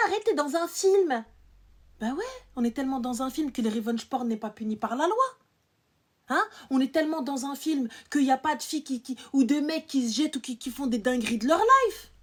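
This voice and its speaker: A young woman with a high voice delivers a heated live-stream rant. She scolds her audience, fires off rhetorical questions and lurches between loud outbursts and low muttering. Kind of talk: ranting live-stream monologue.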